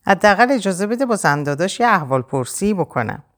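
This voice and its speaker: A woman's voice: fairly low pitch, big pitch swings, a bit bright, voice pushed up. A woman voicing a cheeky young man who teases his brother in a playful, mocking way. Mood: teasing.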